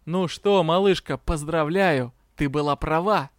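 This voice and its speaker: A man's voice: a little high, measured pace, no echo, studio quality, lightly acted. A man voicing a grumpy, sardonic male dragon who answers curtly and with irritation. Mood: mocking. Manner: curt, irritated, mocking. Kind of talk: audiobook reading.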